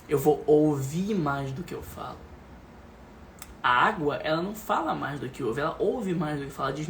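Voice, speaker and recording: Male coach, emphatic and repetitive, softens to a calm low voice, faint noise. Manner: emphatic and repetitive, often dropping to a soft calm voice. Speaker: leadership and speaking coach. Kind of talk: motivational lesson.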